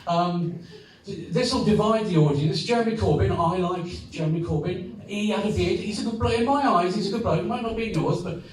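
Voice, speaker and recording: A man doing live stand-up comedy, rambling and halting, with deadpan asides to the audience. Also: high-pitched. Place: comedy venue. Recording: echoey live room, far mic, audience.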